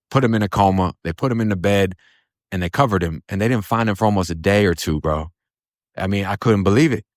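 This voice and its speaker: A man's voice: deep voice, no echo, studio quality. A man from Florida casually telling his own story in blunt, profane street slang, often saying "bro" and "man". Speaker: storyteller recounting his past. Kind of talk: casual first-person storytelling.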